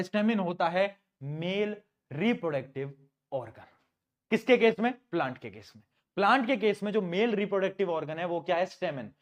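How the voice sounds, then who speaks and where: A male teacher giving a lively exam-prep lesson, playfully asking his students questions and answering them himself. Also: sits high. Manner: calls students "beta", mixes English terms into Hindi.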